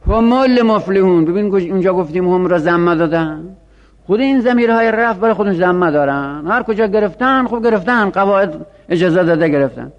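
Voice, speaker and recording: A man with a high voice lectures on grammar, asking rhetorical questions and answering them himself. His voice rings out with a long reverb, as if in a big hall. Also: highs cut off. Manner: explanatory, rhetorical questions, speaks for the word itself. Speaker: Arabic grammar teacher. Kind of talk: classroom lecture on Arabic morphology.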